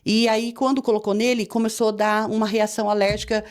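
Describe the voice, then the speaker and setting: A woman's voice: medium pitch, flat delivery, fairly quick, a little mellow. A woman pastor with a Brazilian Portuguese accent tells a personal testimony with earnest feeling, her voice rising when she relives the tense moments.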